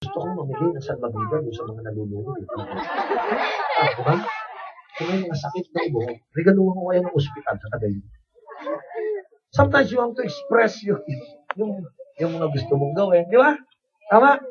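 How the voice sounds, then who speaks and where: A man's voice: fairly high pitch, very animated, moderate pace, long pauses, a loud crowd. A man with a Filipino accent, a bishop preaching a humorous sermon in a church, switching between Tagalog and English and acting out stories. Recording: distant, muffled, noisy church recording.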